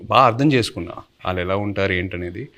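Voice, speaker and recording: Man, lead actor, lower voice, measured, reflective, mixes in English. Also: a bit bright. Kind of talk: promo interview answers.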